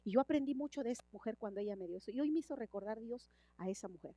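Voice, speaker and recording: A woman's voice: fairly high pitch, animated, racing, warm tone, dry recording. A middle-aged woman preaching a sermon and telling a personal testimony, emphatic, repeating words and restarting her phrases.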